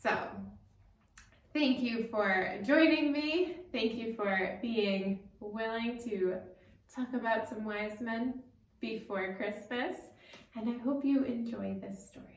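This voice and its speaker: A woman pastor tells a story to children in a fairly high, slow voice, explaining things simply and speaking to them directly. A distant microphone gives the recording a roomy echo.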